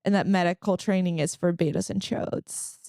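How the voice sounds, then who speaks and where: A woman's voice: on the low side, steady tone, moderate pace, mellow, no room sound, clean studio sound. A woman co-hosting a comedy podcast, telling rambling sarcastic stories full of fillers. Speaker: podcast co-host. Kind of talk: casual comedic chat.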